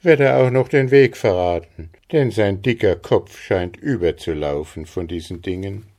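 A man reading the part of a steady, thoughtful young farm lad who speaks earnestly, in a storybook reading. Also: low voice. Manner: deliberate, earnest.

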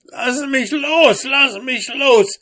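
A man voicing a small, sly male dwarf who begs in a high wailing voice in a storybook reading. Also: drawn-out words, bright, forceful tone, no room sound, studio quality, heavily acted. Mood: pleading.

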